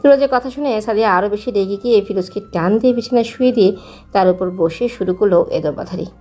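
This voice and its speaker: Warm-toned woman narrating a story. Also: mid-range voice, fast, faint music behind.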